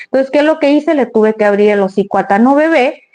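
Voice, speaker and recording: A woman vlogging in a loose, chatty style, telling long stories and turning to speak to her viewers directly. Her voice sits a little higher than most women's. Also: fast, a little mellow. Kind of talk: casual storytelling to the camera.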